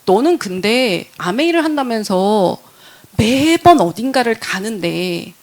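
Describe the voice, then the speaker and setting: A woman's voice: fairly high pitch, very animated, measured pace. A woman doing a blunt, nagging older friend. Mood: prying.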